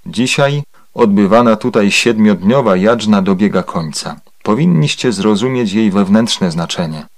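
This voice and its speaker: A man reading a translated spiritual discourse aloud in a measured, solemn, explanatory way. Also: lowish voice, lively intonation. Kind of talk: formal read-aloud discourse.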